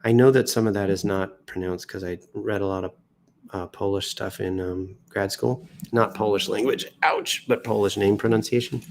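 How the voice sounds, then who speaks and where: Indoors, an American man reads news posts for his livestream in an improvised, theatrical way, full of exaggerated emphasis and self-mocking jokes. Under the weather, he is sick and tiring and coughs occasionally. His lowish voice stays fairly even in intonation at normal speed, with a little hiss or hum.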